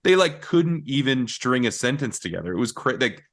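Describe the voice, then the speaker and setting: A man's voice: mid-range voice, big pitch swings, moderate pace, a bit bright. A man co-hosting a podcast, chatting casually and rambling with many restarts. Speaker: podcast co-host. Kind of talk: casual chat.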